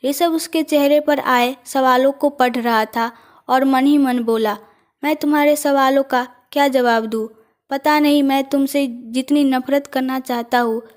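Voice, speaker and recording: Woman storyteller, high voice, reads a bedtime romance with lightly acted dialogue. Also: a little mellow. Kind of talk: narrated bedtime love story.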